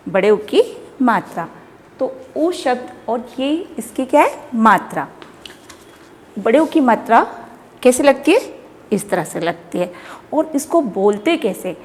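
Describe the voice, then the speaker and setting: A woman's voice: medium pitch, a little mellow, in a large hall, slight background noise. A woman teacher with an Indian accent giving a phonics lesson to young children, drawing out syllables for them to repeat. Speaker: primary school teacher.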